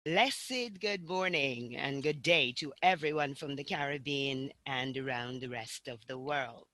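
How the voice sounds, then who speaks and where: Bright-voiced woman hosting a call. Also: very deep voice, a little slow, dry recording, rough recording. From Barbados. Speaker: host.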